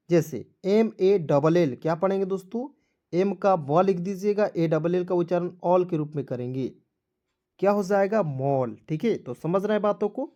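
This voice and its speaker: Male English teacher, mellow voice, letter-by-letter spelling lesson, repeats each word, answers his own questions. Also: sits high, lo-fi sound. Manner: repetitive, asks questions and answers them himself.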